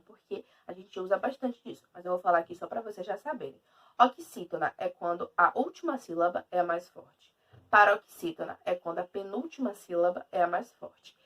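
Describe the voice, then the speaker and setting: Lively Brazilian Portuguese woman teaching. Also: medium pitch, recorded from a distance. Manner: emphatic, lively explaining. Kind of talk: video lesson.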